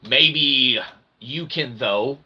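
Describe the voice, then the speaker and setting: An online philosophy show host rambles through a tongue-in-cheek lecture, his medium-pitched voice very slow, pushed, bright and a bit rough. He leans on wordy mock-academic phrasing and keeps checking in with little "all right, okay" tags.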